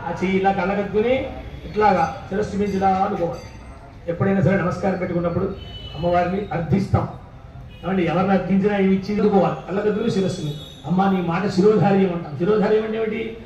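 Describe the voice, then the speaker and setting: A man serving as temple priest, chanting mantras slowly in a sung voice and explaining the ritual quickly in between. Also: high-pitched, fairly even intonation, a little mellow, highs cut off. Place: temple hall during a ritual. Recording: very echoey, voice from far off.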